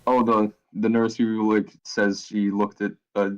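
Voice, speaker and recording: Flat low-voiced laid-back man. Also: a little slow, dull audio. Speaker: podcast co-host. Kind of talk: casual movie podcast chat.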